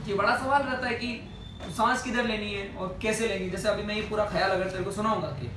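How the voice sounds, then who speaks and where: A music teacher leads an indoor singing class, explaining patiently, checking in with his students, and breaking into song to demonstrate. His voice is high and steady, and he talks fast. The recording is roomy, with a distant mic and music playing behind.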